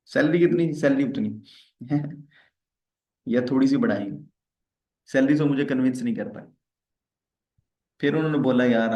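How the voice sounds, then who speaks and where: A man's voice: mid-range voice, dark tone. A man teaching a live online tax lesson, chatty, acting out little dialogues and asking viewers questions. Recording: roomy, slightly dull livestream audio.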